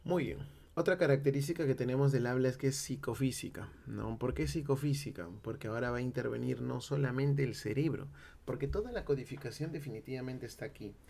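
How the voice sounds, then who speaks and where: A man from Peru gives a classroom-style linguistics lecture in a Peruvian Spanish accent, explaining things step by step and checking in with his listeners. His mid-range voice has a darkish tone and vocal fry, his pace is a little fast, and there's a little hiss or hum.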